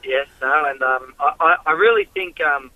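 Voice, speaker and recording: A fairly high-voiced Australian man speaks over a dry, narrow phone line. He is a racing driver giving a casual interview, with the laid-back, matey talk of a working bloke. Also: moderate pace, no room sound. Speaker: harness racing driver and guest.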